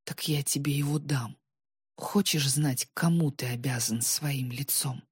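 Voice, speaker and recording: A woman voicing a bitter, jealous young man who shouts resentfully, his voice breaking with tears. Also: extremely low pitch, a little slow, breathy edge, dry recording, clean studio sound, exaggerated voice. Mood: bitter, shouting.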